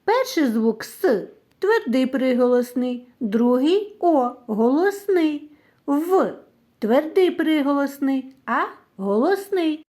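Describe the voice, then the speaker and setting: Slow, high-voiced woman teaching children. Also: darkish tone. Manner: slow, clear, sing-song teaching voice. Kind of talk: children's literacy lesson.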